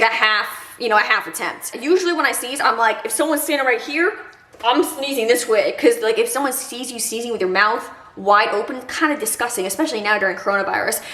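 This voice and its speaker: A woman's voice: a little high, fairly bright tone, reverberant. Congested chatty young woman vlogger. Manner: chatty, many fillers like "like" and "kinda". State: congested nose. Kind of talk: casual advice vlog.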